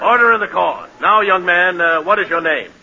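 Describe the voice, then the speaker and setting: An actor playing a stern, formal male judge in 1940s radio comedy, measured in his delivery. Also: high voice, gravelly, dull audio. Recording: noisy old radio broadcast.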